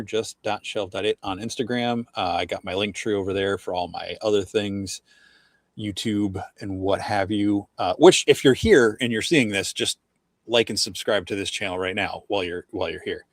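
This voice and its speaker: A man's voice: fairly low pitch, normal speed, dry recording. A man in his forties co-hosting a casual chat, rambling with lots of fillers. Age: 40s. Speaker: co-host.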